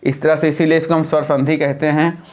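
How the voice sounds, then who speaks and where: A man's voice: fairly high pitch, flat delivery, a little fast, a little mellow. A male teacher explaining a grammar lesson patiently, step by step, while writing on a board.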